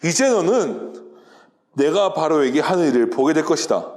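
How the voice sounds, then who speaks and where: A man voicing God as a calm, patient teacher speaking slowly and steadily. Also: fairly high pitch. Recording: roomy echo.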